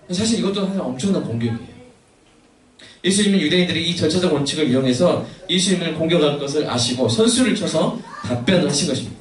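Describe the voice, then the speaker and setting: Preacher with a high voice in an echoey church. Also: male voice, far from the mic. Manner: lively, asks the congregation questions. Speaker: pastor. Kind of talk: sermon. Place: church sanctuary.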